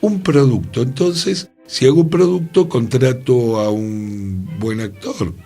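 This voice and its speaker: Warm and medium-pitched, this Argentine man's voice moves slowly as he reflects on a radio talk show, asking questions and thinking aloud with a Rioplatense Spanish accent. Soft music plays behind him in the studio.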